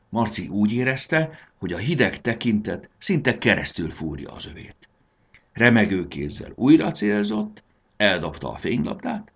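A man narrating a children's fantasy story as an expressive, dramatic audiobook reader. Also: low voice, gravelly, husky.

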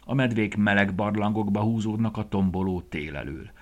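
A man's voice: on the low side, close to an everyday voice. A man voicing a boastful, brave little male rabbit in a children's story, talking in a cocky, sing-song way.

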